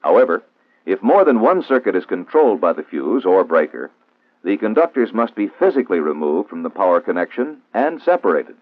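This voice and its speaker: On the thin, narrow-band audio of an old film with no echo, an American male narrator delivers measured instruction for a 1960s training film. He sounds formal and didactic, his fairly low voice moving in lively rises and falls.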